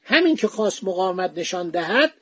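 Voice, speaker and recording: High-voiced man telling history. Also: very animated, a bit bright, breathy edge, dry recording. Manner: conversational, digressive, with Persian fillers. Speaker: history podcast host. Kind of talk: storytelling history lecture.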